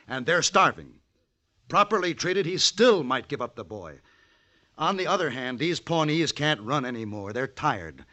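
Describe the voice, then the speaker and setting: In a vintage radio western, a male actor with a slightly high voice plays a calm, principled gunfighter. He speaks in a measured, firm and articulate way.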